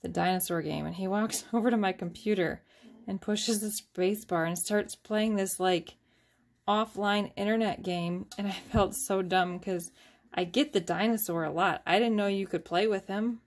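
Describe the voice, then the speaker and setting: A woman's voice: medium pitch, fairly even intonation, moderate pace. A woman in her thirties hosting a casual, rambling craft tutorial at home, often joking about herself. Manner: chatty, rambling and self-deprecating. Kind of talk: casual step-by-step craft demonstration.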